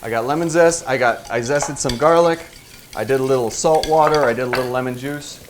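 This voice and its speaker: A man's voice: medium pitch, fairly quick, background noise. Hesitant man fumbling for words. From Italy. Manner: hesitant, searching for words, with many fillers. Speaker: guest chef and cooking teacher. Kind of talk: cooking demonstration chat. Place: kitchen with food frying.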